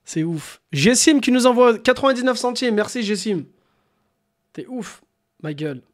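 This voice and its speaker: On a casual live stream from a small room at home, a young man with a notably high voice talks at a moderate pace. He's animated and slangy, swears freely, and spins crude stories in the manner of a prank caller.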